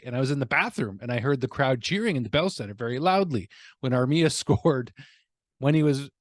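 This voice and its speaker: Male hockey vlogger, mid-pitched voice, dry close sound, rambling self-mocking delivery. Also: dry recording. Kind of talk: casual game recap.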